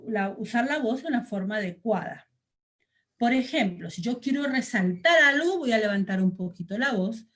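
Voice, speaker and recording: A woman from Argentina teaching a storytelling training lesson, explaining patiently with fillers and checking questions. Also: on the high side. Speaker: children's ministry trainer.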